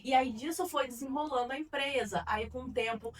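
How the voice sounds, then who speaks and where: A woman's voice: high-pitched, brisk, far from the mic. A woman with a Carioca accent, guesting on an interview podcast and telling her story earnestly, with a few fillers. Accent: Carioca Brazilian Portuguese. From Rio de Janeiro, Brazil. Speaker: guest, marketing consultant.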